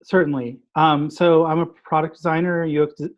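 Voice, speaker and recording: A man, a product designer and former teacher, introducing himself on a video call in a measured way with fillers. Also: on the high side, flat delivery. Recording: dull video call audio.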